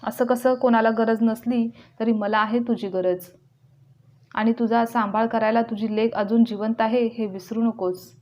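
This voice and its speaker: A woman's voice: on the high side, steady tone, measured pace, darkish tone, close to an everyday voice. A woman voicing a grown daughter who confronts her sister-in-law sarcastically. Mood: reassuring. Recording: dull lo-fi recording.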